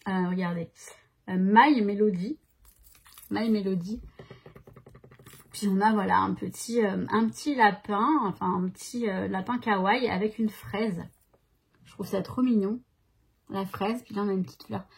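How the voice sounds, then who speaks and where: Woman, very husky breathy voice, casual home vlog, chatty and rambling. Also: medium pitch, steady tone, normal speed. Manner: chatty and rambling, many restarts. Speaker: vlogger. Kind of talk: casual vlog chat to viewers. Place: at home by a desk.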